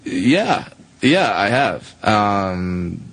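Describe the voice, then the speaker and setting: Guest comic: man, lively swinging delivery, dry close sound, self-mocking. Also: fairly low pitch, extremely slow, no echo. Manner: animated, self-mocking, jumps into voices. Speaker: stand-up comedian, podcast guest. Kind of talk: casual podcast chat.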